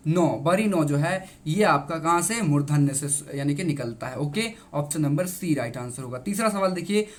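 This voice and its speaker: Emphatic male teacher. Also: a little high. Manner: repeats each answer, keeps addressing the students; emphatic, reassuring. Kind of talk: exam answer-key explanation.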